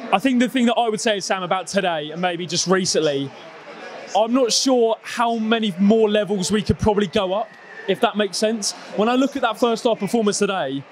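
A man's voice: high-pitched, a little hiss or hum. A young man hosting a casual football chat, steering the talk with questions to his guests on a handheld mic. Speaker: podcast host. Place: small studio set with a painted wall backdrop.

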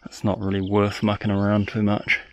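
Gravelly bloke talking through milling a log, low voice, bit of outdoor noise. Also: male voice, brisk, muffled recording. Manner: relaxed, thinking aloud with restarts. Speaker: sawmill operator. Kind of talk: casual first-person narration. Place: outdoor sawmill yard. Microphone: head-mounted action camera.

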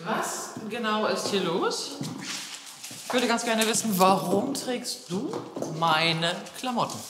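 A woman's voice: mid-range voice, lively intonation, takes it slowly, noisy background. A sarcastic, scolding aunt in a reality TV drama. Her voice rings out with a roomy echo and a long reverb tail. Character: teasing, scolding adult aunt. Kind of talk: scripted reality TV acting. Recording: echoey room.

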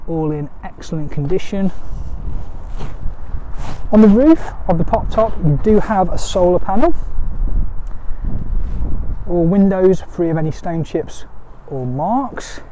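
Man, dealer walk-around, upbeat sales patter, soft mellow tone, handheld phone outdoors and in a van. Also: sits high, a little hiss or hum. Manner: upbeat sales patter, often repeats words. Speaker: motorhome dealer presenter. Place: outdoors beside a camper van, then inside it. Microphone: phone camera held by the speaker.

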